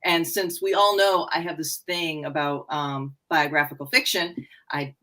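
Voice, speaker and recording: A woman's voice: low voice, fairly even intonation, moderate pace, sharp tone, low-quality recording. A woman author chatting on a video call, rambling and restarting her sentences. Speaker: romance and mystery author. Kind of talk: casual video chat.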